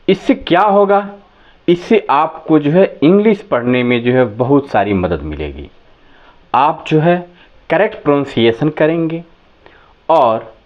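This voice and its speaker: Slow, lively male teacher. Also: on the high side, lo-fi sound. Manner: spells letters out slowly and asks rhetorical questions. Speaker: English teacher. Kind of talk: classroom-style lesson.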